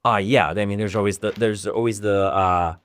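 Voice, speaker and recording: A man with a fairly low voice co-hosts a laid-back chat podcast. He rambles and restarts his sentences and swears casually as he talks things over. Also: fairly even intonation, moderate pace, fairly bright tone, clean tone. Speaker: podcast co-host.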